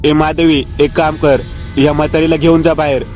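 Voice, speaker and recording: An irritable young village man in a spoken horror story, snapping and exasperated, read by a male storyteller in his own voice. His voice stays level and flat, over faint music. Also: a little high, normal speed, lightly acted. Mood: irritated.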